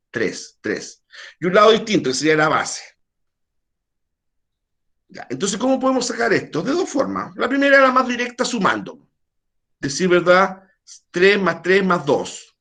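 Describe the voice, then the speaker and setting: Lively man teaching math online. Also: fairly high pitch. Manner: quizzes students, chatty asides. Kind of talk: virtual math class.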